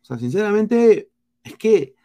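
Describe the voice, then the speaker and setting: A man's voice: sits high, very animated, a little slow, mellow. A man with a Peruvian Spanish accent hosting casual football talk, blunt and heated, full of crude slang.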